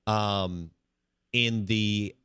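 A man's voice: on the low side, fairly even intonation, very slow, fairly bright tone, clear, resonant tone, dry recording, studio quality. A man hosting a casual morning sports radio show, chatting and rambling with lots of fillers. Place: radio studio.

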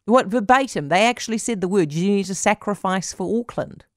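A woman hosting a radio talk interview, brisk and outspoken. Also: medium pitch, dry recording, studio quality. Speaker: radio host.

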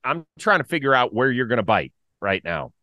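A middle-aged man co-hosting a casual sports talk show, animated and opinionated, full of quick asides. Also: mid-range voice, no room sound. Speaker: podcast co-host.

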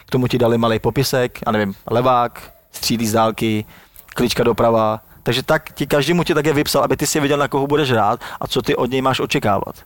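A man's voice: medium pitch, fairly even intonation. A man being interviewed, a former footballer, talking casually and rambling with many restarts.

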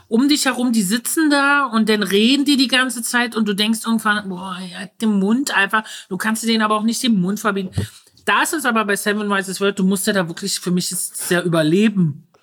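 A woman's voice: medium pitch, fairly bright tone. A woman comedian, a podcast guest, talking frankly and bluntly in casual slang, often restarting her sentences. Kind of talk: casual chat.

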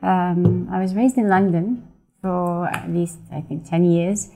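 Woman guest from Iraq, lively storyteller; lowish, mellow voice. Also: a little slow, faint music behind, rough recording. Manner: animated storytelling, acts out dialogue. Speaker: guest, events founder. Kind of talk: podcast interview.

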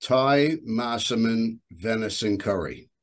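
A man's voice: fairly low pitch, lively intonation, slow pace. Easygoing man talking about recipes. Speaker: guest, app developer. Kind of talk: casual conversation.

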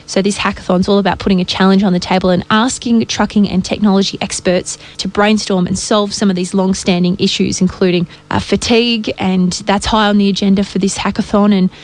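A woman's voice: mid-range voice, little pitch movement, brisk, few pauses. A woman with an Australian accent hosting a radio breakfast show, presenting news and chatty segments.

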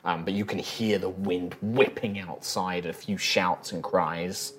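Low-voiced man running a tabletop game. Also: fairly even intonation, measured pace. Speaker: game master. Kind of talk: casual improvised tabletop narration.

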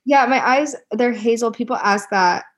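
A woman's voice: on the high side, moderate pace. Chatty young woman, podcast guest. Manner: chatty and animated, laughing often. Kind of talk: casual chat.

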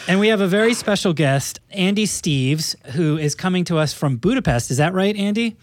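A man's voice: high-pitched, animated, moderate pace, slight background noise. A man hosting a casual podcast chat from a studio, introducing guests in a playful, teasing manner. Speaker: podcast host.

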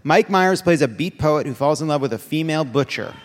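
A man's voice: a little high, animated, a little fast, background noise. Wry male host on a reverberant stage. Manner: wry, teasing quizmaster. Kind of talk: live comedy podcast game on stage. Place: large theater stage before an audience. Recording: live theater with long reverb.

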